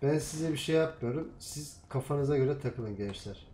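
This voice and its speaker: A man playing a game and talking to himself, mostly in low mutters with sudden loud, indignant outbursts. His mid-pitched voice bounces around an echoey room, with faint keyboard clicking behind him. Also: moderate pace, a little hiss or hum. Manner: talks to himself and swears at enemies, swings from mumbling to loud indignant outbursts. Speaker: gamer playing a vampire game. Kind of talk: casual gameplay commentary. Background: keyboard typing and clicks.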